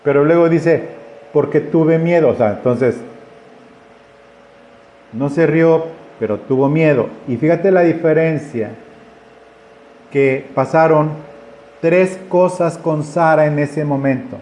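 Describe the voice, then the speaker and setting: A man's voice: on the high side, slow, pauses often, darkish tone. A man preaching a conversational sermon, acting out the voices in his stories. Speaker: pastor. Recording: echoey room with faint ambience.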